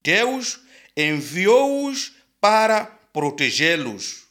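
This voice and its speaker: A man slowly reading a Bible story aloud, with a deliberate, expressive delivery. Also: high voice. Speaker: narrator.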